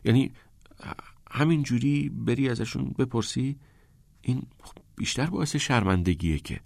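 A male reader voicing a timid teenage schoolboy who talks quietly and stammers. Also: mid-range voice, lively intonation, gravelly, dry recording, voice pushed up.

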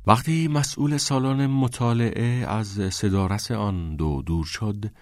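A man reading an audiobook in a steady, measured storytelling voice. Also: on the low side, dry recording, studio quality. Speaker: audiobook reader. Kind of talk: scripted narration.

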